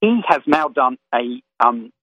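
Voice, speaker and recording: A man calling in to a radio talk show, giving a rapid, detailed briefing on world affairs. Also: medium pitch, lively intonation, fairly bright tone, dry recording. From Florida. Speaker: caller. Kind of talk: call-in radio commentary. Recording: tinny phone line.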